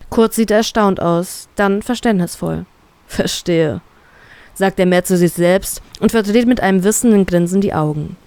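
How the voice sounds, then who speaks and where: A woman's voice: medium pitch, mellow, no echo. Woman reading a first-person story. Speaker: fanfiction reader.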